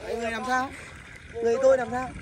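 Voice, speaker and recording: A man's voice: very high-pitched, little pitch movement, fast, distant mic. A man voicing a sneering rich skeleton. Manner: sneering, taunting, boastful about money. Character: arrogant rich male skeleton, cruel ex-lover. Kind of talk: fan audio drama acting. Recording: noisy homemade recording.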